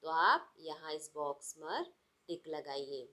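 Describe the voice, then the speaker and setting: A woman's voice: low voice, animated, slow pace, bright, forceful tone. A woman teaching a lesson to young children, who asks a question and then answers it and stresses each word as she reads lists aloud. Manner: stretches words out and stresses them while reading word lists. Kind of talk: slow, deliberate classroom lesson for young children.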